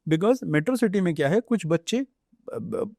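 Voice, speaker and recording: Man, interview host, earnest, high voice, dry close sound, mixes Hindi and English. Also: lively intonation, normal speed, a little mellow, no room sound. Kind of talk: interview questions.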